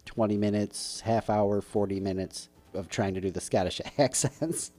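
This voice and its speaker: Mellow-voiced joking male podcast co-host. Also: lowish voice, normal speed, soft background music. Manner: jokey, teasing. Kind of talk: casual chat.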